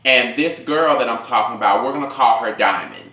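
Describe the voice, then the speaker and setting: A man in his late twenties telling a casual, rambling story in slangy, animated talk as a food vlogger. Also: medium pitch, fairly quick. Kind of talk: casual storytime told over a meal. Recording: echoey room.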